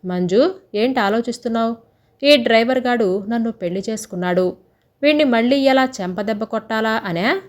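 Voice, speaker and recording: A woman voicing a young groom in a storybook tale, speaking softly and affectionately with a playful tease. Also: fairly high pitch, normal speed, natural voice. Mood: teasing. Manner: soft, affectionate. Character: young groom, gentle and teasing. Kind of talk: storybook dialogue.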